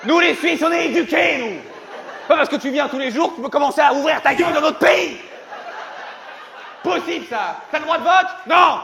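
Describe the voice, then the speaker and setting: A man doing punchy stand-up comedy, playing an indignant, self-righteous Swiss local who scolds foreigners in a pompous, shouting way. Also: very high-pitched, lively intonation, moderate pace, vocal fry, a faint crowd, voice pushed up, exaggerated voice. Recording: echoey live venue, loud audience noise.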